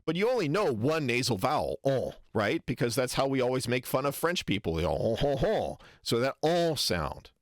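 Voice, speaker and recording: An American man streaming casual commentary, rambling and animated as he exaggerates foreign vowel sounds to make his point. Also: mid-range voice, normal speed, few pauses, dry recording, clean studio sound. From United States. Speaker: streamer reacting to a lecture.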